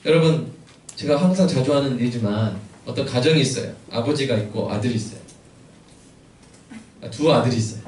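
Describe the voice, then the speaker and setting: A man's voice: mid-range voice, fairly quick, pauses often, darkish tone, distant mic. A man preaching a sermon as pastor, asking his congregation questions and answering them himself. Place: church sanctuary. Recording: echoey church hall, mic from afar.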